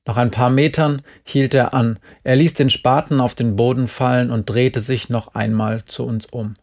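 A man reading an audiobook aloud in a measured, unhurried narration. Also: medium pitch, fairly even intonation, darkish tone. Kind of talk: scripted narration.

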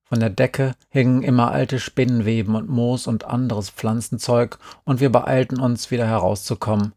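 A man calmly reading a first-person story aloud. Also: medium pitch, moderate pace, no room sound. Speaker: audiobook reader.

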